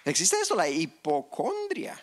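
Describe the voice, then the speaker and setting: Animated high-voiced male preacher. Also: a little slow. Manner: animated, asks the crowd, acts out quotes. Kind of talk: lively sermon with audience questions. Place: church before a congregation.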